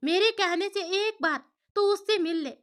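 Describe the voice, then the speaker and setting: A woman's voice: very high-pitched, a little slow, voice pushed up. A woman voicing a kindly man who persuades his sister in a coaxing, reassuring way. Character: kindly adult man, gently persuasive elder brother.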